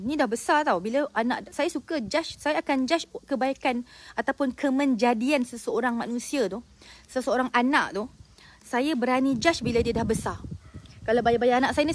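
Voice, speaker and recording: A woman hosting a casual live stream, expressive and full of religious exclamations. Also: a little high.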